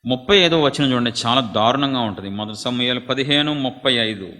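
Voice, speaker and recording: A male pastor preaching a sermon with dramatic swings from hushed to loud and high, in a large meeting hall. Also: fast talker. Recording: echoey hall reverb.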